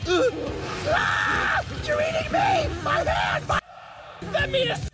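A man's voice: very high-pitched, lively intonation, slow, sharp tone, raised voice, faint music behind, a faint crowd, exaggerated voice. A man voicing a frantic, indignant anime cartoon character in an English dub, hysterical and scolding. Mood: hysterical, outraged.

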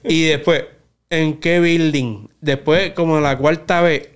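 A man's voice: fairly high pitch, takes it slowly, clear, resonant tone. A man, co-hosting a podcast and telling a story while acting out what people said. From Puerto Rico. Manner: animated storyteller, acts out dialogue. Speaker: podcast co-host. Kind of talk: casual storytelling.

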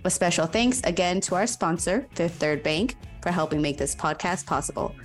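A woman hosting a business podcast, asking questions and reading sponsor messages in an upbeat, steady way. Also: lowish voice, normal speed, soft background music. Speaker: podcast host. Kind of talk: podcast interview and sponsor reads.

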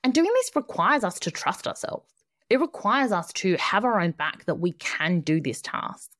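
A woman's voice: medium pitch, sing-song, moderate pace, a bit bright, dry recording, studio quality. A woman podcast host delivering an upbeat, tidy advice monologue, instructive and emphatic, building points in repeated phrases. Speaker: podcast host giving productivity coaching.

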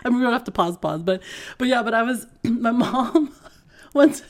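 A woman co-hosting a casual chat, animated and laughing often, who grew up in a Filipino bilingual household. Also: a little high, normal speed. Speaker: podcast co-host.

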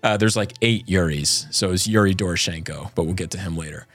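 A man's voice: sits low, brisk, a bit bright, faint music behind. A man co-hosting a podcast, telling a story in a chatty, joking way. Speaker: podcast co-host. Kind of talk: casual chat.

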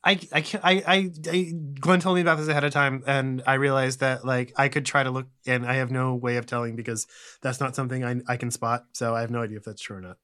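A man's voice: mid-range voice, fairly even intonation, quick pace, bright, forceful tone, clean tone. A man chatting casually on a podcast about films, rambling with hesitant restarts and wry jokes. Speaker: podcast host. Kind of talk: casual film discussion chat.

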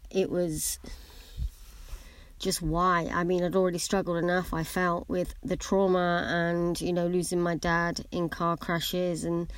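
A woman's voice: on the low side, darkish tone, no echo. A middle-aged woman who wears braces that slightly affect her pronunciation, sharing a candid, reflective personal monologue as a podcast host, in a hesitant, meandering way. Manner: speaking with braces, occasionally imprecise pronunciation.

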